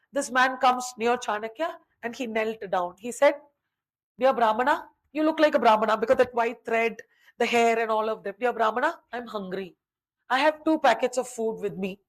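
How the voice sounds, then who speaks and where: Animated high-voiced woman teacher. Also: rough recording. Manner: animated storytelling, acting out dialogue. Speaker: history teacher. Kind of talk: storytelling lecture.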